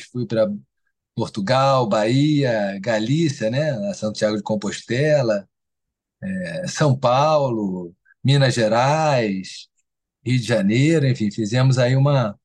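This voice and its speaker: A man's voice: medium pitch, a little mellow. A man speaking as an interview guest in a casual, enthusiastic, rambling way, with many restarts and casual swearing.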